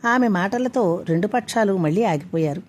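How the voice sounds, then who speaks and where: A woman storyteller reading a story aloud in a steady, measured way. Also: medium pitch. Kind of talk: scripted story narration.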